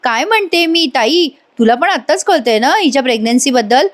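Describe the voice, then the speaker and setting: A woman voicing a sharp-tongued young woman who scolds everyone, in an acted serial recap. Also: high voice, animated, fairly quick, voice pushed up. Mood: indignant.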